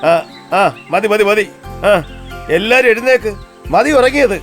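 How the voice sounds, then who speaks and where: A man's voice: sits high, unhurried, a bit bright, faint music behind. A man voicing a bossy grown rooster who leads the flock in a kids' cartoon and scolds the others.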